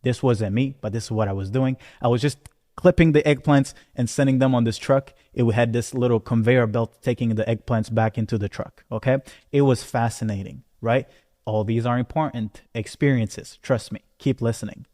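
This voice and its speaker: A Rwandan-born man who moved to Canada at thirteen, now an entrepreneur, gives a motivational life-story talk to camera in a medium-pitched, warm, steady voice at a moderate pace. His delivery is conversational and emphatic, often checking in with "right?". The recording has a long, hall-like reverb.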